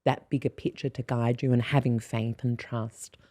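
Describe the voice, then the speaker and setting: A woman's voice: extremely low pitch, little pitch movement, moderate pace, dark tone, no room sound, clean studio sound. A woman, a podcast guest, talking in a musing, meandering way about spirituality. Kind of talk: casual chat.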